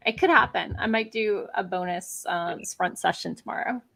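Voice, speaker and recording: A woman's voice: mid-range voice, moderate pace, creaky, sharp tone. A middle-aged woman hosting a casual livestream, chatting and cheering on viewers' comments. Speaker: livestream host. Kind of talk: casual chat.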